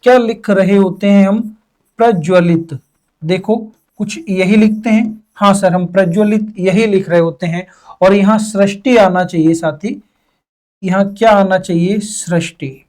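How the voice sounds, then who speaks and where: High-voiced man teaching a Hindi exam class. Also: a little slow, a little mellow. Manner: asks questions and answers them in students' voices. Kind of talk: exam-prep Hindi lesson.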